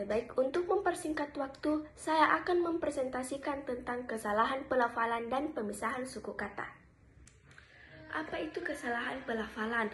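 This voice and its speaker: A woman's voice: a little high, slight background noise. Young woman reading a class presentation. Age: young adult. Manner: reads from notes with frequent filler "eh". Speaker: student presenter.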